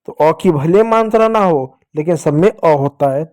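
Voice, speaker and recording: Playful high-voiced male teacher. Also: expressive, a little slow, darkish tone. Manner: playful, repeats "pyare bachchon", acts out cries to teach sounds. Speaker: teacher of young children. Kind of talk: children's Hindi reading lesson.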